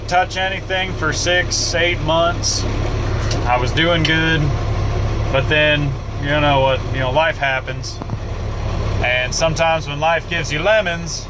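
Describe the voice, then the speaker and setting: A man chatting casually in a rambling, unhurried way, vlogging while driving a work truck. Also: a little high. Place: inside a moving work truck. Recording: loud vehicle and road noise.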